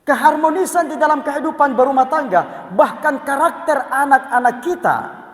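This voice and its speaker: A man's voice: very high-pitched, normal speed. A man giving a dawn sermon in a mosque, telling stories and acting out the quotes with humor. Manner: storytelling with voiced quotes and humor. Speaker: preacher. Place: mosque hall. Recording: echoey mosque hall.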